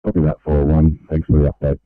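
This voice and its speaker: A man's voice: rumbling low, monotone, quick pace, no room sound. A man working as an emergency dispatcher, giving procedural replies over a two-way radio. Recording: tinny narrow-band radio transmission.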